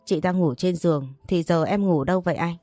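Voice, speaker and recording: A woman voicing a spoiled, sharp-tongued young sister-in-law in an audio story, mocking and boastful. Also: lowish voice, a little fast, dry recording, soft background music, close to an everyday voice. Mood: whiny.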